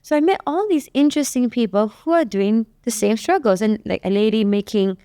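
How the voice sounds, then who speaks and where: Chatty woman with a smooth, clear voice. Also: on the high side, a little fast, dry recording, studio quality. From Malaysia. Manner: chatty, animated storyteller, acts out quoted exchanges. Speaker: guest, youth entrepreneurship advocate. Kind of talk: casual panel chat.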